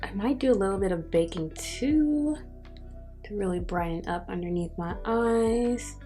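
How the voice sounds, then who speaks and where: Soft music plays behind a woman with a slightly low voice. She chats casually and directly to her viewers as a beauty vlogger giving a makeup review. Her speech is slightly affected by the retainer she is wearing. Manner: chatty, addresses viewers directly. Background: background music.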